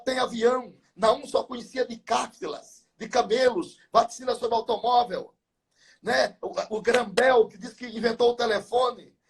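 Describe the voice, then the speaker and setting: A man's voice: extremely high pitch, vocal fry, slightly rough. A man in his seventies, a pastor, telling Bible stories with fervor, piling up numbers and wordplay in a live chat. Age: 70s. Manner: fervent storytelling with biblical numbers and wordplay. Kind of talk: preaching chat in a live talk.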